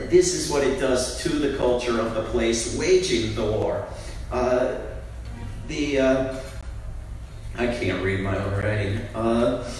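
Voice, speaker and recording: A man giving an impassioned speech on a panel, often restarting his sentences. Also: mid-range voice. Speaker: panel speaker, antiwar group director. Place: large indoor event room. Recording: very echoey room, distant mic, faint background noise.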